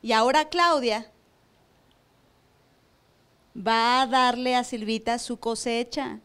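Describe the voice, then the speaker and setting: A woman's voice: a little high, fairly even intonation, slow, a bit bright, smooth. A woman pastor preaching a sermon to a church, asking the room rhetorical questions and acting out church members. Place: church service.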